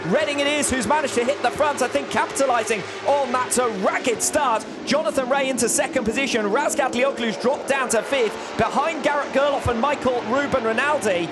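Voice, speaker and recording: A man's voice: very high voice, a little fast, music in the background, crowd noise. A man giving live motorsport commentary in a dramatic, articulate play-by-play style.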